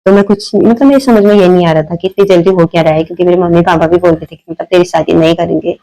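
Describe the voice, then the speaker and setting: A woman in her thirties chats to her phone camera from home, telling a personal story. She rambles, circles back, and fills pauses with little hesitations. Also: on the low side, steady tone, warm tone, low-quality recording. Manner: chatty, rambling with many fillers and restarts. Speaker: vlogger. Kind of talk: casual storytelling vlog. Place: at home, seated. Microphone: phone propped in front of her.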